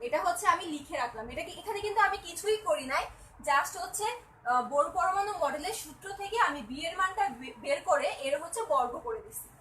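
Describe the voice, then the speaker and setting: A woman's voice: extremely high pitch, animated, a little fast, bright, forceful tone, roomy sound, far from the mic, slight background noise, poor audio. A young woman teaching a chemistry class live online, repeating each step and often asking whether the students follow.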